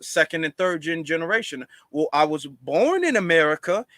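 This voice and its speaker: A man's voice: fairly high pitch, lively intonation, normal speed, a bit bright, no echo. A man hosting a casual livestream, explaining at length to viewers with many fillers and restarts. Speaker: livestream host.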